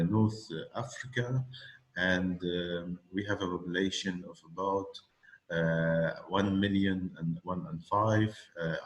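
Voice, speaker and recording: A man's voice: on the low side, echoey room, rough recording. A man with an Egyptian accent teaching English one-on-one, hesitant and full of fillers and restarts. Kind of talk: one-on-one speaking lesson.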